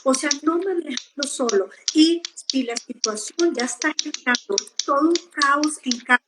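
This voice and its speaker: A woman psychologist giving gentle, explanatory advice to parents, with frequent hesitations and repeated words, speaking over a video call. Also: sits high, moderate pace, background noise. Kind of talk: advice talk on a live or video chat.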